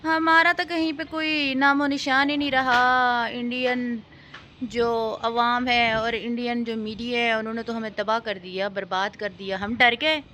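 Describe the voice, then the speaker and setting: High, bright Pakistani woman vlogger. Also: fairly even intonation, measured pace, slight background noise. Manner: mocking, sarcastic, teasing banter. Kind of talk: casual chatty vlog.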